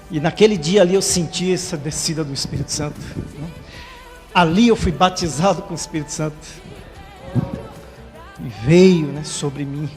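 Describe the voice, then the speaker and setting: During a church livestream, a male pastor with a notably high voice preaches a fervent, conversational sermon, often checking in with listeners mid-phrase using "né?" tags. A long hall reverb surrounds his voice, with faint music in the background.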